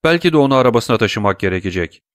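A man's voice: mid-range voice, animated, very fast, dry recording, studio quality, pitched above the performer's own voice, natural voice. A man voicing an uneasy, formal magistrate who speaks tensely.

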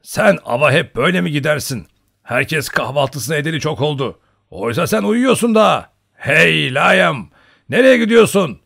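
A man voicing a loud, hearty old male Cossack hunter in an audiobook, booming and teasing. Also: big pitch swings, normal speed, gravelly, full character voice. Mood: hearty shouting. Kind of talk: audiobook character voice.

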